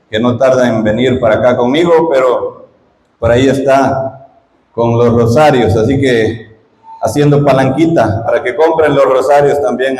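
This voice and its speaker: With a mid-range, darkish voice, a middle-aged lay missionary from Guatemala delivers a retreat talk to a parish. He teaches in a conversational way and asks the audience questions, and the church hall recording carries noticeable echo.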